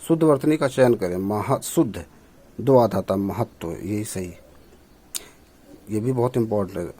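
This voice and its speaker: A man's voice: fairly low pitch, measured pace, dark tone, breathy edge. A male teacher going through exam questions on correct usage, explaining each answer step by step. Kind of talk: exam prep lesson.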